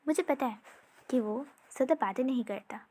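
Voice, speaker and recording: A woman's voice: sits high, moderate pace, dark tone. Woman voicing a chatty, mischievous young prince. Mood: fond. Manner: eager, playful, talkative.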